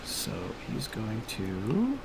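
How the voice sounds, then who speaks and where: Speaking extremely slowly in a lowish voice, a man runs a tabletop game as game master, narrating casually and thinking aloud about the rules. Steady background noise fills the room.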